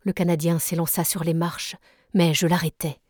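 A woman reading a classic novel aloud in a measured, even narration. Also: fairly low pitch, no echo, studio quality. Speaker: reader. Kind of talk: literary read-aloud.

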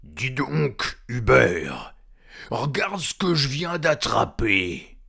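A man voicing big, dim-witted male trolls in a storybook reading, gruff and drawling, with a gravelly, husky voice. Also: medium pitch, sing-song, drawn-out words, voice pushed up, exaggerated voice. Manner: gruff, drawling, shouting and bickering.

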